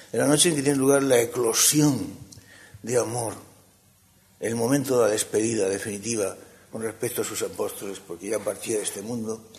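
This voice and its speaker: A man delivers a sermon in a gravelly voice of middling pitch. His phrasing climbs into emphatic peaks and then drops to near-whispered stretches. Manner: swings between emphatic rises and hushed, soft passages. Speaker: preacher.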